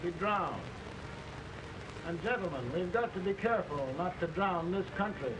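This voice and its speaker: An actor in an early talkie film playing a wry, folksy president with a plain-spoken storytelling manner. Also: male voice, sits high, lively intonation, normal speed, noisy background. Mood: wry, measured. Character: folksy, wry president telling a homespun parable. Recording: old 1930 film soundtrack with music.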